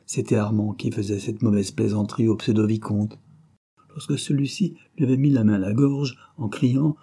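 Man, audiobook narration, husky, dark warm tone, lively dialogue. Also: on the low side. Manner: reads the dialogue with raised, lively voices. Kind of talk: scripted narration.

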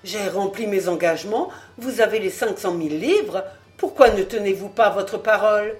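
A woman's voice: medium pitch, normal speed, lightly acted. A woman playing a terrified pleading nobleman.

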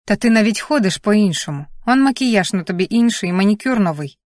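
Audiobook: woman narrator voicing sharp-eyed young woman, teasing, probing, dry booth sound. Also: mid-range voice, lively intonation, fairly quick, no echo, close to an everyday voice. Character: young woman, perceptive and caring. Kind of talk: audiobook character reading.

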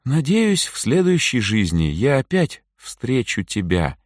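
A man voicing a dying elf woman who speaks weakly, slowly and softly in an audiobook. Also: mid-range voice, animated, no echo, clean studio sound, pitched above the performer's own voice, close to an everyday voice. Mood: tender. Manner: weak, slow, soft. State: weak, whispering. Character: dying elf woman, weak, tender, calm.

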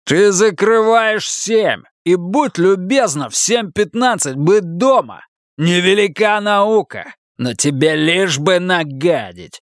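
A man voicing a brutal, abusive husband who snarls and yells threats. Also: on the high side, animated, slow pace, few pauses, clean tone, no echo, clean studio sound, pitched above the performer's own voice. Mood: menacing.

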